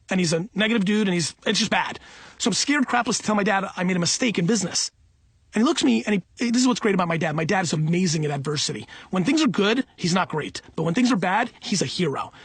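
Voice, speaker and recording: A man telling a personal story in a casual, excited, rambling way, often breaking off mid-sentence. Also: sits high, husky, dry recording. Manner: excited, rambling, self-interrupting. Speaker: speaker answering audience questions.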